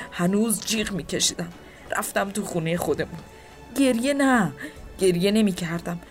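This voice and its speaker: A woman telling a first-person story in a subdued, grieving manner, at times dropping to a whisper. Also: mid-range voice. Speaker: narrator. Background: soft background music.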